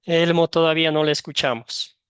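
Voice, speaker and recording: A man's voice: fairly high pitch, fairly even intonation, brisk, smooth, no echo. A man moderating an online Bible class, welcoming each student by name and calling on them in turn. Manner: gently guides students, calls on each in turn.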